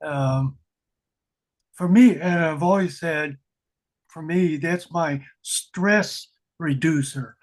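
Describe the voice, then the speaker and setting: Older man, unhurried and slightly high. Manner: relaxed, unhurried, hesitant with fillers. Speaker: conference participant. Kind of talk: casual sharing in a workshop.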